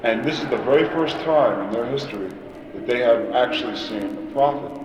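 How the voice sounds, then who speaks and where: A man's voice: medium pitch, a little fast, lo-fi sound, background noise. Man, emphatic rant, echoey room, mic far off. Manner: emphatic, ranting, repetitive. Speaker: band member interviewed. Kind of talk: animated interview talk.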